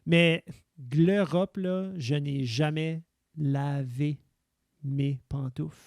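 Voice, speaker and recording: A Quebec French man co-hosting a relaxed podcast. He jokes around and often turns to speak to the listeners. His voice is slightly high, recorded close with no room sound. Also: extremely slow, vocal fry, no room sound. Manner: joking, addresses listeners directly. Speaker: podcast co-host. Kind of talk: casual chat.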